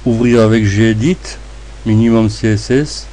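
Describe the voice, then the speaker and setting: A man with a lisp that makes his s sounds slushy, narrating a step-by-step screencast tutorial in short, halting phrases. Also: lowish voice, fairly even intonation, dark tone. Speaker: tutorial presenter.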